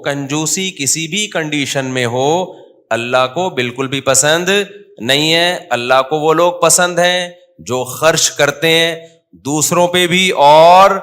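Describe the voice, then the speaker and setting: Man with a Pakistani Urdu accent, sermon in a mosque; bright, fairly high voice, chatty preaching style that keeps asking the crowd questions. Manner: conversational preaching, quizzes the audience with questions. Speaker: mufti giving a Friday talk.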